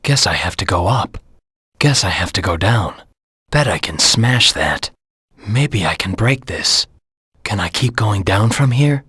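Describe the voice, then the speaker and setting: A cold, brooding hedgehog antihero from a video game. The voice sits low with a husky rasp, recorded close and dry. The delivery is stern and self-assured, haunted yet proud. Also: male voice, expressive, a little slow, sharp tone, no echo, full character voice. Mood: terse, focused. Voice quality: gravelly, husky. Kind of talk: scripted video game voice lines.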